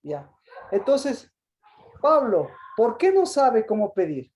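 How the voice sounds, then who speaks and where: A man teaching an interactive Bible study on a video call, pausing and repeating words as he asks questions. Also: high voice, huge pitch swings, darkish tone.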